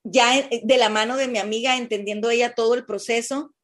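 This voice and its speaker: A middle-aged woman with a Mexican Spanish accent telling the listeners her personal cancer story in a heartfelt, halting way. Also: fairly high pitch, fairly even intonation. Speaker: breast cancer patient sharing her story. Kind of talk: emotional personal testimony.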